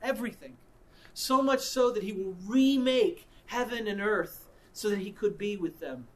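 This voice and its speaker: A man's voice: high-pitched, measured pace. A man preaching a sermon, telling a personal story in a conversational way and often repeating and restarting his words. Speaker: pastor.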